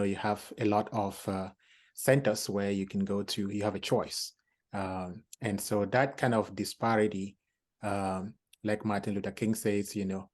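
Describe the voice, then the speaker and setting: A man from Cameroon, founding director of a health program, explaining its background in a measured way with many fillers. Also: on the low side, darkish tone. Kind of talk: panel conversation.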